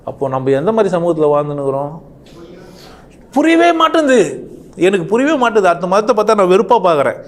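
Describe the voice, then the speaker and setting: A man delivering an impassioned monologue, firing off rhetorical questions and swinging his voice up and down sharply. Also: high voice. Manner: animated, rhetorical questions, rising and falling sharply. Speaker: speaker.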